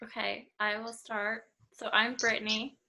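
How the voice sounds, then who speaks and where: A woman's voice: fairly high pitch, flat delivery, unhurried, gravelly, sharp tone, poor audio. A young woman from Idaho, a student chatting casually on a video call, full of fillers. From Idaho, USA. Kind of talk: casual group discussion.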